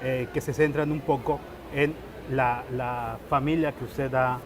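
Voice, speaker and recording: A man who asks questions as a reporter, halting and full of fillers and restarts. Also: medium pitch, steady tone, noisy background. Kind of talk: interview.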